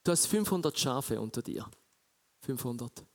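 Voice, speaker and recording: A man's voice: lively intonation, normal speed. Male preacher, sermon delivery, direct questions to the congregation, builds intensity in scripture passages. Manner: rises louder and higher when retelling scripture.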